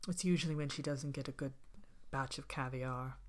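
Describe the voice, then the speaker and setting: Low female voice, a woman acting out a vain fairy-tale villainess queen, haughty, languid, droll, soft ASMR delivery. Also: steady tone, normal speed. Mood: gossipy, droll. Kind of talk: ASMR character roleplay chat, softly spoken with whispers.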